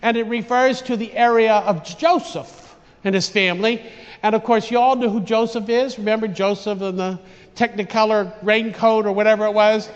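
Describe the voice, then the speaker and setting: A man preaching an informal, conversational homily in a large echoing church, haltingly, often repeating and restarting his phrases. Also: high voice, steady tone. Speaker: priest preaching. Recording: dull recording with long church reverb.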